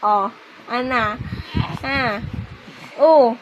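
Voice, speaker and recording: A woman's voice: a little high, drawn-out words, noisy background. A woman talking baby talk to an infant grandchild, cooing sing-song questions and playful teasing.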